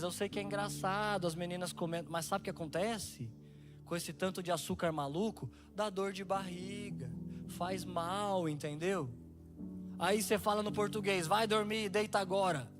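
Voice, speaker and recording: A man preaching a sermon in a lively storytelling way, often acting out the voices of people in his stories. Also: high-pitched. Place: church stage.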